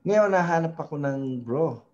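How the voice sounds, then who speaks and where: A man's voice: on the high side, expressive, measured pace, darkish tone, muffled recording. A man hosting a casual web design tutorial, talking hesitantly with many fillers and tag questions. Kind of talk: casual screen-share tutorial in mixed Tagalog and English.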